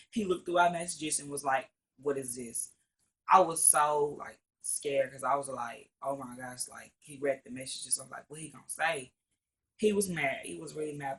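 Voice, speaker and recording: A man's voice: on the high side, a bit bright. A teenage man from Arkansas, telling a rambling storytime with lots of "or whatever" and cursing. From Arkansas, USA. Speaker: vlogger. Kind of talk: casual storytime.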